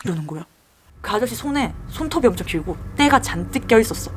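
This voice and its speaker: A woman's voice: on the high side, quick pace, slight background noise. A young woman casually telling creepy personal stories while doing her makeup, acting out the people in them. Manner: lively, mimics the people in her story. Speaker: storyteller.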